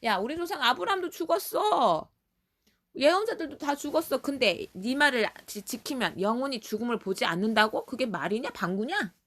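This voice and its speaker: A woman's voice: fairly low pitch, animated, moderate pace. A woman doing a jeering, angry crowd of men. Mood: mocking. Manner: mocking, scornful, shouting.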